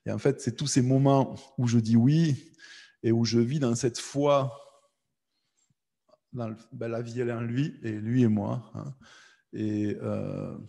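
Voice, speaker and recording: A man's voice: medium pitch, fairly even intonation, measured pace, gravelly, pauses often, warm tone. A man preaching an informal sermon, repeating words, acting out prayers and tagging phrases with "hein". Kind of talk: conversational sermon. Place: church hall. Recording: long reverb of a church hall.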